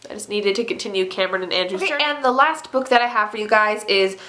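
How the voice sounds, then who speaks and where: A woman's voice: mid-range voice, fast talker, sharp tone. A young woman in a casual book haul video, gushing with enthusiasm and using lots of fillers. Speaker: book vlogger.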